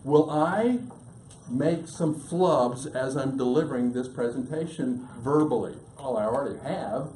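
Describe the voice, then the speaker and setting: Guy giving a business talk to a crowd in a room, rapid and emphatic, mellow voice, echoey room with faint hum. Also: medium pitch. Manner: emphatic, rapid, listing points. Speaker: business speaker. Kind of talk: live seminar presentation. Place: meeting room with audience.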